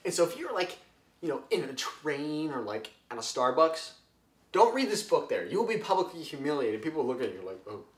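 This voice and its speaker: Young man, book vlogger, excitable, rambling, slightly high voice, echoey room. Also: brisk. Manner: excitable, rambling, full of fillers, acts out quotes. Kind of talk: casual book review vlog.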